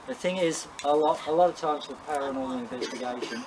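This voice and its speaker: A man's voice: fairly high pitch, fast. An Australian man giving a casual, rambling, matter-of-fact talk to a group as a paranormal investigator, telling anecdotes. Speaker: paranormal investigator leading a session. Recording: clearly noisy live ambient recording.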